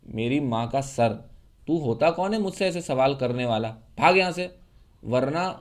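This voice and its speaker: A fiery young woman from a storybook reading, scornful and mocking. A man acts her out. Her cutting words rise into angry shouts. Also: medium pitch, lively intonation, lightly acted. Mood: furious.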